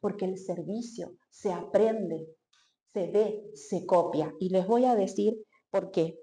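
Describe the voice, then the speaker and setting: Woman preacher, expressive, repeats for emphasis; echoey church hall. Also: medium pitch, takes it slowly. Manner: expressive, acts out quotes, repeats phrases for emphasis. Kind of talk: sermon.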